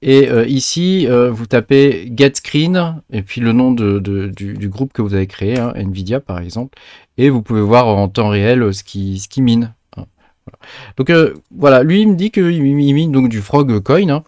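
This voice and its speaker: A man's voice: medium pitch, normal speed, darkish tone, no echo, clean studio sound. A man hosting a casual screen-share tutorial, chatty and hesitant, with many filler sounds and restarts as he talks viewers through each step. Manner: chatty, addresses viewers directly. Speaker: crypto mining tutorial host.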